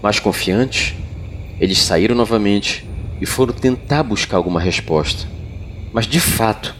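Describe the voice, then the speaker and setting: A Brazilian man narrating as a podcast storyteller, with a sultry, deliberate, dramatic delivery of scripted horror tales. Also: lowish voice, fairly bright tone, slight background noise. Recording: music bed behind voice. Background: background music.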